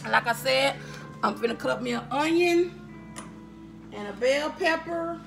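This cooking vlogger has a high-pitched, gravelly voice that's a bit bright and moves at a moderate pace. Filmed by a camera on the counter that gets shifted around, she talks casually to viewers in her home kitchen, chatty and folksy, calling them y'all. The kitchen echoes, and background music plays.

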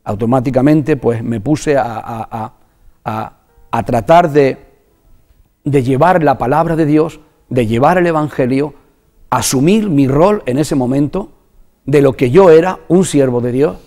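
Earnest Spanish pastor with a mellow voice. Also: male voice, medium pitch. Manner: earnest, halting, repeats words when moved. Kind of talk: personal testimony in a religious TV interview.

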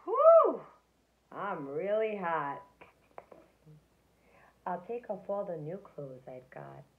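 A woman voicing a cheerful, shivering snowman, with drawn-out, loud lines in a storybook reading. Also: fairly low pitch, lively intonation. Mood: sneezy, flustered. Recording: tinny phone-like sound.

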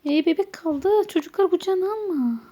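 A woman chatting casually as she plays along with a child, coaxing and gently instructing as a mother does. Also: very high-pitched, animated, a little fast, background noise. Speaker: mother playing a game with her child on a channel. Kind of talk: casual play-along chat.

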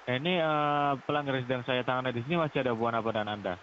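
A man's voice: medium pitch, very fast, a bit bright. A man on a phone call posing as a police officer. He talks in a formal, polite but pushy way and tags his sentences with "ya". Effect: heard over a phone line. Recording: dull, lo-fi phone line with faint hiss.

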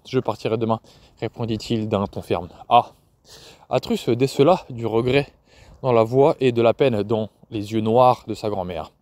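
A man narrating a novel in a measured, even reading voice. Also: medium pitch, no echo. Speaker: audiobook reader. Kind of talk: scripted narration.

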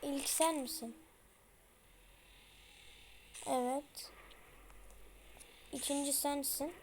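A young woman plays a horror game and talks to the screen, with a high voice and an unhurried pace. She chats casually in slang and breaks into panicky outbursts. Faint noise sits behind her. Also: steady tone, a little mellow. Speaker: gameplay streamer.

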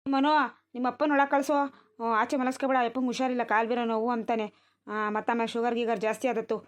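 A fussy, practical elder village woman in a comedy cartoon, played by a woman. Her voice sits a bit high and she talks fast, always scolding and instructing. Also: level tone, close to an everyday voice. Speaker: cartoon character.

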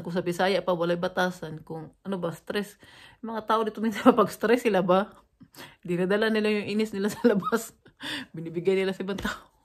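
A woman with a Cebuano accent talks straight to her vlog audience in a rambling, indignant storytime. Her voice sits a little low, and she keeps breaking off and restarting her sentences as she retells what happened. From Cebu, Philippines. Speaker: vlogger.

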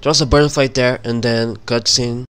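Fairly quick and a little bright, this young man's mid-range voice stays mostly even as he casually narrates a game and reads its dialogue aloud. He's self-deprecating and relaxed, recording in a small home room on a handheld microphone.

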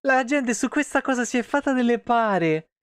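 His very high-pitched, smooth voice comes through a dry recording at a moderate pace. A thirty-something game streamer with a Roman Italian accent, he chats from a small home room into a close desk mic, profane, expressive and rambling.

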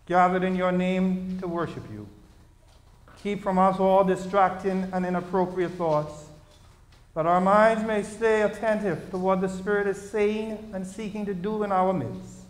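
A man's voice: high-pitched, level tone. A man leading a formal liturgical prayer in a large church, his voice carrying a cathedral echo. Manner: measured, formal prayer cadence. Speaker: worship leader.

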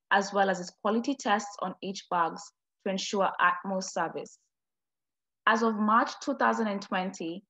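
Woman, student presenter, formal read-through of a project overview, mid-pitched and even. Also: muffled recording.

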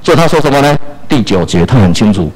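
A man preaching a sermon, animated and full of small fillers. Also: medium pitch, quick pace, slightly rough, poor audio.

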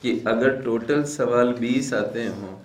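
A man's voice: medium pitch, slow pace. Man, teacher, casual lecture, repeats points, echoey room, faint hum. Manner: conversational, repeats key points, mixes in English terms. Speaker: exam-prep teacher. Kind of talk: casual Hindi lecture on exam preparation.

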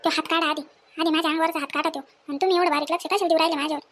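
A woman, acting as a sharp-tongued, fearless village woman in an amateur family skit, scolding and teasing in quick speech. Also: very high voice, fairly even intonation. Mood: indignant.

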